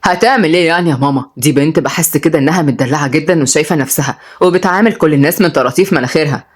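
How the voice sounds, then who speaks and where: Brief: irritable student son in a storybook, lowered grumbling voice, voiced by a woman. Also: rapid-fire. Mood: annoyed. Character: young man, sulky, annoyed student son.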